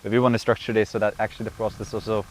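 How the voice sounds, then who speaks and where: A man's voice: fairly low pitch, level tone, rapid-fire, slight background noise. A man from Norway with a Norwegian accent, an architect explaining his work plainly in a documentary interview.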